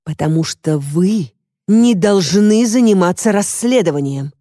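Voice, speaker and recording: An impatient woman police detective, voiced by a female narrator in an audiobook, curt and official. The voice is low and dark with a dry, close sound. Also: animated, a little slow, slightly rough, no echo.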